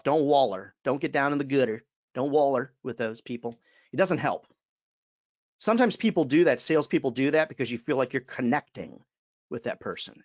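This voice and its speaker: A man with a mid-range voice gives an emphatic webinar talk as a sales trainer, addressing his listeners as friends. The recording has no echo, and the high frequencies are cut off.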